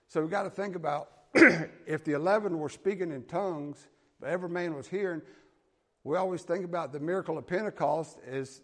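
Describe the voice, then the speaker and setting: A man with a Southern US accent, from the American South, preaches by reading scripture and explaining it in homey, straightforward terms. His voice is on the high side and a little mellow.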